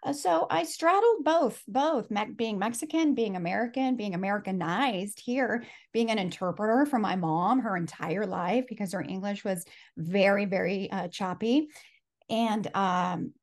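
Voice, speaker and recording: Speaking from a home office through a webcam on a video call, this Spanish-first-language life coach from Los Angeles, a woman in her forties, shares her story earnestly. Her pitch sits in the middle and her pace is moderate, and her reflective storytelling is sprinkled with frequent laughter.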